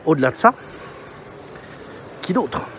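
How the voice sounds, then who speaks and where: A man with a fairly high, slightly bright voice talks slowly in a sing-song way while livestreaming a walk through an urban area. He's puffing from the exertion, chatting to viewers in a loose, slangy, rambling style. Outdoor street noise and traffic come through clearly.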